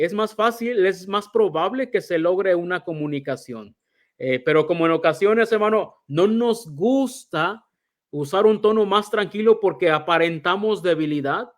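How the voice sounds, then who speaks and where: A man giving a conversational Bible teaching, calling his listeners brother and acting out everyday examples. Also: high voice.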